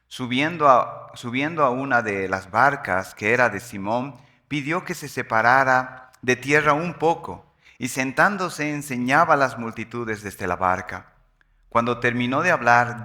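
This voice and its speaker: A man, a pastor, reading scripture aloud in a sermon, measured and solemn with slow, emphatic pauses. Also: medium pitch, sharp tone.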